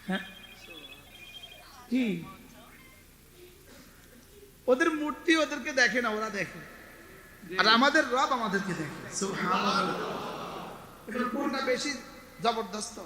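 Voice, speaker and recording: In a reverberant hall, a man preaches an Islamic sermon, chanting Arabic verses and trading call-and-response questions with the crowd. His pitch is extremely high, his intonation lively, and he speaks slowly with many pauses.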